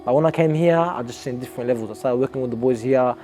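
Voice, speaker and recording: A man's voice: mid-range voice, fast talker, warm tone, soft background music. A young Australian man, an amateur boxer, talking earnestly and reflectively in a documentary interview, often restarting his sentences.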